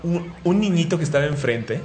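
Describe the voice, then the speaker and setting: A man's voice: fairly high pitch, animated, brisk, a little mellow. A Mexican man hosting a radio talk show, telling a story in a joking, self-mocking way and acting out the dialogue. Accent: Mexican Spanish.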